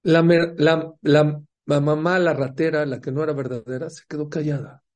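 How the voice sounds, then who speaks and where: A man's voice: a little high, fairly even intonation, moderate pace, darkish tone. A man gives a religious talk, telling stories, asking the listeners questions and acting out the characters' voices. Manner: storytelling, asks the audience questions. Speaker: religious teacher.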